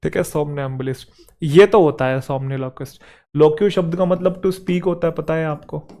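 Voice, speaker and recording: Man teaching vocabulary, raised pitch. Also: fairly even intonation, normal speed, mellow. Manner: conversational, often adds "theek hai bhai". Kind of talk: vocabulary lesson.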